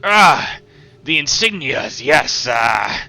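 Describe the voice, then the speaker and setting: A man voicing a gruff, suspicious shopkeeper in a tabletop game, curt in manner. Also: on the high side, big pitch swings, slow pace, bright, forceful tone, soft background music, pitched above the performer's own voice, heavily acted. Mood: grudging. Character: gruff, suspicious shopkeeper heard over a door speaker.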